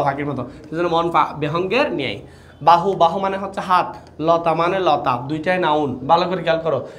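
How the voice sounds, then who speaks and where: A young man teaching a live online grammar class, quick and chatty, repeating questions to his students. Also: sits high. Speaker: online tutor.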